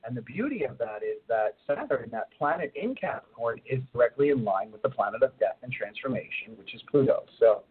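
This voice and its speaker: Middle-aged male radio co-host phoning in, husky, muffled as if through a long tube, rambling explainer. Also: medium pitch, animated. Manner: rambling, unhurried explaining with many fillers. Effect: muffled distant phone line, as if talking through a long tube. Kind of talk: phone-in radio talk. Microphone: phone. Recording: tinny phone line.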